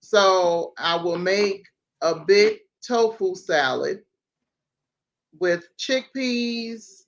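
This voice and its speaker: A woman hosts a relaxed livestream chat over a video call, running through one item after another at an easy pace. Her voice sits mid-range. The audio is dull and lo-fi. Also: mid-range voice, very slow. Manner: chatty, lists things at an easy pace. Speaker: host.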